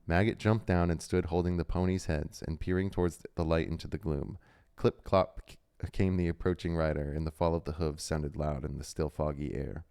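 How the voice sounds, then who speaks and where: A man hosting a book club livestream, reading a novel aloud at a steady pace with casual asides. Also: a bass voice, moderate pace, creaky, clear, resonant tone.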